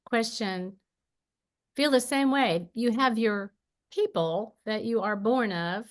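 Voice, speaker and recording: A woman's voice: fairly high pitch, slow. Appalachian woman moderating a panel. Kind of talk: literary panel discussion.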